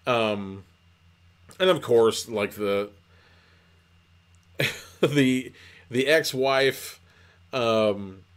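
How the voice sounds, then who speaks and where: A man's voice: medium pitch, very slow, long pauses. A man hosting a book podcast, recapping a novel in a loose, rambling way with lots of swearing and filler words. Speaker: podcast host reviewing books.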